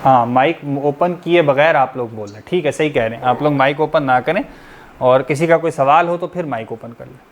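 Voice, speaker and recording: A man's voice: mid-range voice, fairly quick, a little hiss or hum. A man teaching tajweed to a class, patiently explaining and demonstrating each letter sound. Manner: patient, explanatory, often checking in with "theek hai".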